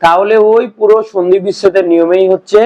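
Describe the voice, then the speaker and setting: A man's voice: sits high, steady tone, fast talker, a little mellow, dull audio. A man teaching a grammar class as a patient lecture, who quizzes his students and repeats each answer himself. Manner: patient step-by-step explaining.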